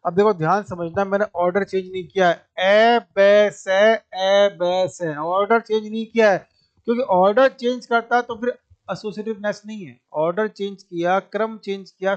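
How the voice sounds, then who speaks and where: A man's voice: high voice, no echo, muffled recording. A male maths teacher, giving a classroom lecture, explaining step by step, repeating points and asking rhetorical questions.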